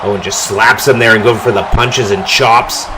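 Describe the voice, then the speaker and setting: A man calling a wrestling match play-by-play, his voice jumping up in pitch and volume on big moves and near-falls. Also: normal speed, over music, a crowd in the background, low-quality recording. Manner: excited calls that rise on big moves and pin counts. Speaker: wrestling commentator. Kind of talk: play-by-play commentary.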